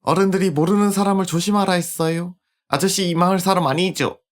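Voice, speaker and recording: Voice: medium pitch, steady tone, fairly quick, pitched above the performer's own voice, lightly acted. A streamer voicing a polite, wary little girl in a storybook-style video game.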